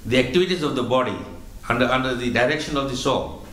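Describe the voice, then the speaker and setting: In a religious lecture, a male spiritual teacher explains things at a measured pace, often returning to what he has just said. His medium-pitched voice is a bit bright, and the room adds noticeable echo around it.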